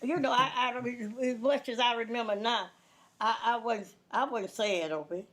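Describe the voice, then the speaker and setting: A woman's voice: fairly high pitch, steady tone, normal speed, fairly bright tone. A woman in her nineties with a Southern US accent, reminiscing casually in a plain-spoken way, often repeating words and restarting her sentences. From Louisiana, USA. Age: 90s, elderly. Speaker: interviewee. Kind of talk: casual oral-history reminiscence.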